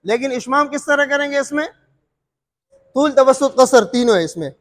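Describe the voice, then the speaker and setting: A man's voice: extremely high pitch, lively intonation, normal speed, long reverb tail. A man teaching Quran recitation rules, repeating terms, quizzing his listeners and drawing out sung examples. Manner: frequent filler "what's it called". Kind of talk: explaining recitation rules to students.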